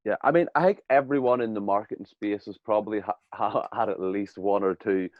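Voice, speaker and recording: A man's voice: lowish voice, brisk, no room sound. A man hosting a podcast, talking bluntly and casually and swearing now and then. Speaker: podcast host, agency owner. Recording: dull lo-fi mic.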